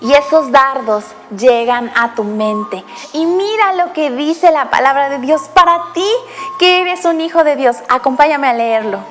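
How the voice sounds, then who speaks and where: High-voiced woman teaching children slowly. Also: big-room sound, faint music behind. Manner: addresses the child directly with frequent questions; animated storytelling. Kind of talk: Bible lesson for children.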